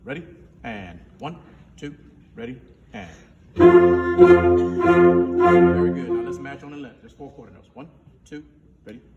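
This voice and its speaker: Band director counting in a reverberant room. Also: male voice, mid-range voice, animated, unhurried, long pauses, dull audio, over loud music. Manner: instructive, counts players in, sings syllables to demonstrate. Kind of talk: teaching a band rehearsal. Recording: distant, reverberant room recording with faint noise.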